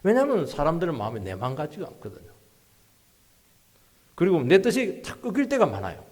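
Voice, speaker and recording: A male pastor preaching a sermon, swinging between hushed asides and loud, emphatic rises, in a church sanctuary. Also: on the high side, huge pitch swings, fairly quick.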